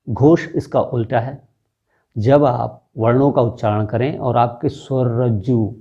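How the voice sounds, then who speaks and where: A man teaching a lesson, talking slowly and deliberately and sounding out syllables one by one to demonstrate. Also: medium pitch, highs cut off. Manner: slow, deliberate, repeats syllables aloud for demonstration. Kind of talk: classroom-style lesson.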